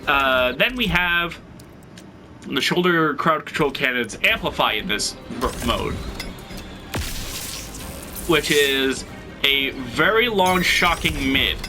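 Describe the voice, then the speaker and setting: Over background music, a man with a higher-pitched, expressive voice speaks slowly with long pauses. He hosts a gameplay tutorial as a video game guide, his nose slightly stuffy, breaking down fighting game moves in a relaxed, analytical, think-aloud way.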